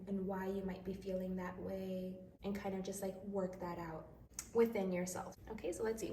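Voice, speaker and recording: Warm and mid-range, her voice carries a casual, reassuring tarot session she hosts, chatting easily despite a nose slightly stuffed up from crying. Faint noise and a roomy echo come from the distant mic.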